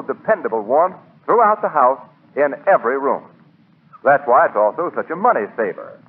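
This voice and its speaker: A male radio announcer with a husky, medium-pitched voice reads a 1940s advertisement with polished, emphatic salesmanship. The recording has a tinny 1940s radio quality.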